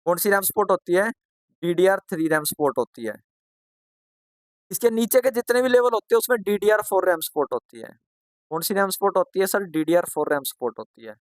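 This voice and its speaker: A man teaching a computer course in a live online class. He asks questions and answers them himself, repeats points, urges students to answer quickly and gently scolds and encourages them. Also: high voice, no echo.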